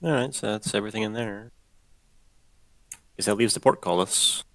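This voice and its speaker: Deep-voiced joking man player. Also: moderate pace, gravelly, fairly bright tone, no room sound. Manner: wisecracking. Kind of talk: casual tabletop game chat.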